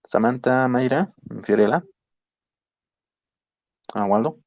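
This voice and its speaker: A man's voice: mid-range voice, slow pace, dry recording. A male chemistry teacher gives an online lecture, explaining step by step and often checking in with his students. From Bolivia. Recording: dry, dull lo-fi call audio.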